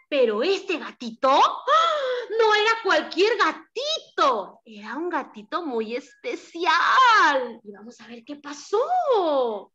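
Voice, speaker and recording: A woman teacher reading a story to young children in an animated, exclamatory way, stopping to quiz them. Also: sits high, lo-fi sound.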